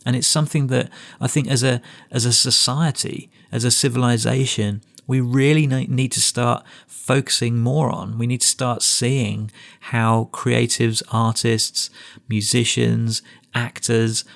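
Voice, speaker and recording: A middle-aged man delivers a recorded lecture at a middle pitch. His voice has a gravelly, creaky edge. He speaks reflectively, circling back and restarting phrases as he goes. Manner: reflective, with frequent restarts and asides.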